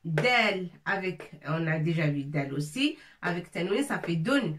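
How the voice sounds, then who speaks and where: A woman's voice: on the low side, lively intonation, a little slow, a bit bright, distant mic. A woman teaching a lesson, patiently repeating each word and breaking it into syllables. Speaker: Arabic teacher. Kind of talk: slow spelled-out language lesson.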